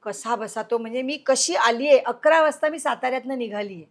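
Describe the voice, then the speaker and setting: During an interview, a middle-aged woman tells a story, acting out the voices she quotes and swinging between loud and hushed. She speaks fairly quickly with a fairly high pitch.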